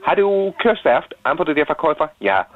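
A man's voice: fairly high pitch, sing-song, brisk, no room sound. A man from Erfurt calling into a radio show, friendly and eager, telling a joke. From Erfurt, Germany. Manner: friendly, eager, tells jokes. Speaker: caller. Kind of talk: casual phone-in chat. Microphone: phone. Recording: tinny phone line.

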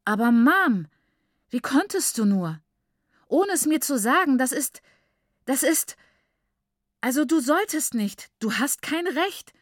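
A woman's voice: mid-range voice, expressive, a little fast, a little mellow, dry recording, studio quality, close to an everyday voice. A woman reading aloud voices a headstrong, defiant teenage girl who talks in agitated, rising bursts. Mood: indignant.

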